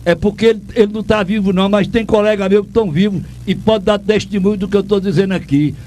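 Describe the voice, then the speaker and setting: An older man from Pernambuco, a radio host and former sports reporter, rants indignantly in a Northeastern Brazilian accent, hammering his points and repeating himself. His voice sits high and is a little mellow, with fairly even intonation and a quick pace.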